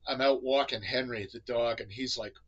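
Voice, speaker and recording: A man with a New England accent talks in a relaxed, rambling way, full of fillers and restarts. His voice is bright and a little husky, and his pitch sits in a middle range. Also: moderate pace, muffled recording. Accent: New England American. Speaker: podcast host. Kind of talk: casual chat.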